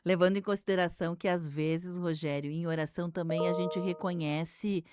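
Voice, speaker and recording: A woman's voice: lowish voice, fairly even intonation, moderate pace, background noise. Reflective woman hosting radio talk. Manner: reflective, speaks with many tag questions. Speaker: radio show host. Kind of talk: casual radio conversation.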